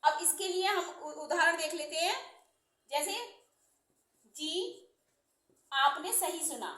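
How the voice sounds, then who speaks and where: A woman teaching Hindi grammar, explaining slowly and repeating each term with examples. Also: very high-pitched, sharp tone, roomy sound. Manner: slow, repeating terms and examples. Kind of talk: explanatory lesson.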